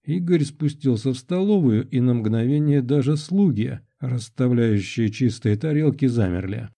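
A male audiobook narrator tells a first-person story in a calm, measured way. His voice is strikingly dark and mellow, set at an ordinary male pitch. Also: vocal fry.

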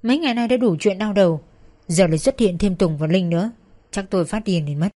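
A woman narrating a first-person audio story in a plain, steady manner. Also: medium pitch, quick pace.

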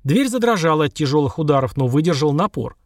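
A man's voice: fast talker, no echo, clean studio sound. A man reading a fantasy novel aloud in scripted narration, lifting his voice for the characters' lines. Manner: raises pitch for dialogue, steady narrating. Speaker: audiobook narrator.

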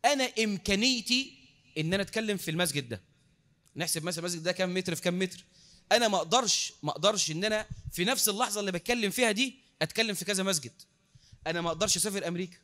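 An Egyptian preacher gives a mosque lecture in Egyptian Arabic, his voice quick and high-pitched. He is lively, repeats words for emphasis, and engages the crowd by asking them questions.

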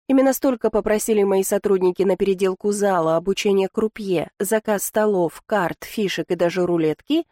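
A woman narrating a first-person audiobook in a wry, ironic tone, her voice in an even middle register. The sound is dry and close, with no room around it. She tells the story with lively, knowing asides. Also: medium pitch, no room sound.

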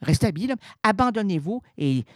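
A man's voice: high voice, big pitch swings, quick pace, no room sound, clean studio sound. Playful rambling radio man. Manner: rambling, playful, wordplay and stammered restarts. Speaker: radio host. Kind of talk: absurd comic storytelling on radio.

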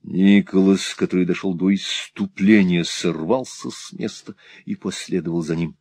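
Low, husky male audiobook narrator. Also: steady tone, moderate pace, a little mellow, no room sound. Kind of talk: scripted narration of a classic novel.

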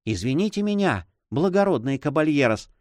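A man's voice: on the high side, big pitch swings, moderate pace, no echo, studio quality, voice pushed up. Man reading as a timid, frightened monk. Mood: fearful. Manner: stammering, timid. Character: frightened hesitant Spanish monk, male, middle-aged.

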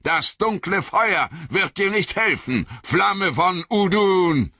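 An old wizard, weary yet commanding, speaks in slow, drawn-out words, as a male audiobook narrator puts him on. His voice has a husky, breathy edge. The sound is dull and dry. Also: rumbling low, sing-song, bright, forceful tone, no room sound, voice pushed down, full character voice. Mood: commanding, defiant. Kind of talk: audiobook character voice.

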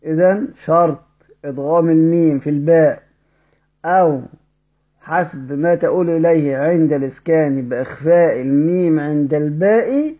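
A man with an Egyptian accent teaches the rules of recitation, explaining each one and then chanting verse examples slowly. His voice sits a little high and sounds mellow. The recording is dull and lo-fi. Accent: Egyptian Arabic. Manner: asks questions of students, then answers them. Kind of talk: recorded tajweed lesson.

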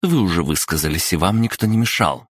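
Stern headmistress, a deep-voiced male narrator pitching up, formal and clipped, dry studio read. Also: animated, brisk, breathy edge, no echo. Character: stern female school headmistress, middle-aged.

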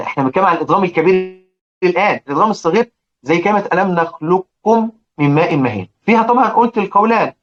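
A man with an Egyptian Arabic accent teaching Quran recitation, slowly repeating example words and often checking that his listeners follow. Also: fairly high pitch. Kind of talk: explaining lesson with recited examples. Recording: dull lo-fi recording.

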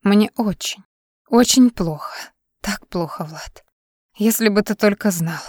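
A woman's voice: medium pitch, a little slow, a little mellow, dry recording, close to an everyday voice. A woman voicing a drunk, tearful young woman singer. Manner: slurred, wavering, swallowing letters.

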